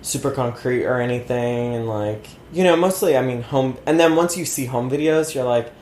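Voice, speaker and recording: A man's voice: medium pitch, normal speed, a little mellow, a little hiss or hum. A man in his thirties, interview guest, chatting casually and rambling with lots of fillers and easy laughter. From born in Connecticut, raised in Georgia. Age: 30s. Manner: rambling, self-deprecating, laughs easily, many fillers. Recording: roomy sound with faint ambience.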